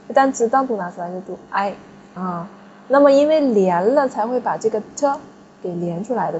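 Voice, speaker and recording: A woman's voice: mid-range voice, warm tone, muffled recording, a little hiss or hum. A woman teaching a class, explaining patiently and often checking with her students. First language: Chinese. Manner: patient, explanatory, frequent tag questions. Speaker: French teacher. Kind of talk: classroom lesson.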